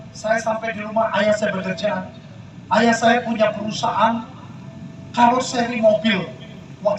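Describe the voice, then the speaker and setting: An older man preaches a dramatic testimony at an outdoor field event, speaking directly to the crowd. His voice sits very high and carries through a long-echoing sound system, heard from a distance with traffic and open-air noise clearly behind him. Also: lo-fi sound. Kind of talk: sermon testimony. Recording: echoey PA sound from far off.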